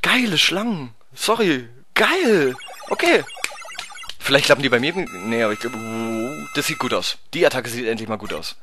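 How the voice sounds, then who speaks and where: A man with a German accent giving excitable gameplay commentary, swearing at the game and swinging from low mutters to sudden cries. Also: quick pace, few pauses. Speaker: let's play gamer.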